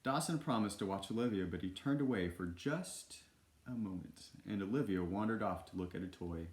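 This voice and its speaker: Low-voiced man reading a storybook aloud. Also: lively intonation, normal speed, darkish tone, reverberant. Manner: casual, self-deprecating asides. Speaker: storybook reader. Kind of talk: reading a children's book aloud with casual asides.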